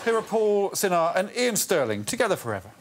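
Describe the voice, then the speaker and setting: Man, deadpan, dry, mid pitch, noisy background. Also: fast.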